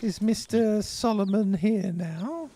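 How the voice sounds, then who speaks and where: A man voicing a prim, imperious Old West gentleman, formal and needling, in an improvised game role-play. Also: high-pitched, slight background noise. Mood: needling, haughty. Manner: formal, haughty, deliberate, repetitive.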